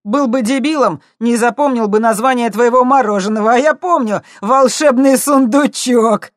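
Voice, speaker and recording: A narrator voicing a cheerful, tanned blond young man who teases in a drawn-out way. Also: medium pitch, no room sound, studio quality, pitched above the performer's own voice, lightly acted. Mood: teasing. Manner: teasing, drawn-out.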